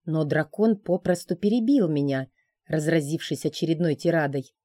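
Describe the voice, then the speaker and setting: A woman narrating a fantasy novel in a steady, even storytelling manner. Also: low voice, moderate pace, no echo, studio quality. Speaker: audiobook narrator. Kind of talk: scripted narration.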